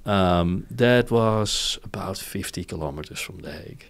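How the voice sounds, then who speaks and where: This interview guest, a company founder from the Netherlands, has a deep voice and an unhurried delivery. He explains things casually in brief, informal bursts, frequently finishing with a question to check understanding.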